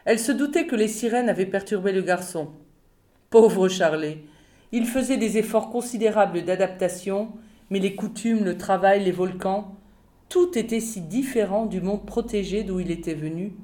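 A woman reads a novel aloud in a calm, measured voice. Her narration is steady and clear. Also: medium pitch. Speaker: audiobook reader.

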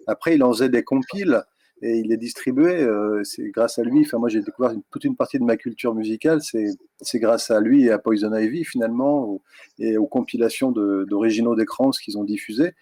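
A man's voice: mid-range voice, fairly quick, no echo. Rambling male guest, dry sound. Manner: rambling, relaxed storytelling with fillers. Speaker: guest author. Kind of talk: casual interview chat.

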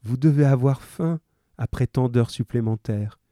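A man's voice: medium pitch, normal speed, dark tone, no room sound, clean studio sound, natural voice. A man voicing a scheming young widow who sweetly pleads with the police, reading a crime story aloud. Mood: pleading.

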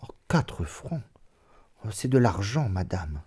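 A man voicing a resigned, soft-spoken maidservant. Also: on the low side, moderate pace.

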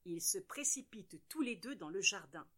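A woman storyteller telling tales for children, expressive and playful with sound words. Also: medium pitch, normal speed.

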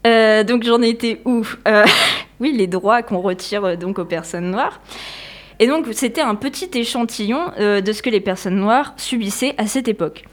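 A woman's voice: mid-range voice, moderate pace. A woman presenting a history segment in a casual, explanatory way, with frequent hesitations. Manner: chatty, explanatory, many hesitations.

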